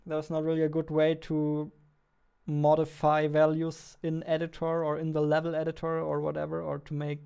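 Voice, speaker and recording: A man in his twenties with a slightly high, mellow, clear, resonant voice chats playfully and jokes on a livestream while he works. He's a game developer streaming from a small room at home, speaking close to a boom-arm studio mic and wearing headphones.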